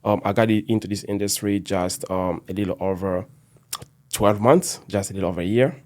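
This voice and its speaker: A man's voice: sits low, steady tone, a little fast, a little mellow. A man from DR Congo, a real estate agent, hosting a casual podcast chat with many fillers.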